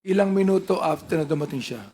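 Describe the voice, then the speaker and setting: A man with a fairly high voice questions a witness at a formal hearing. He presses his points and probes for answers. It sounds like a hearing room. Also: fast, warm tone, a little hiss or hum.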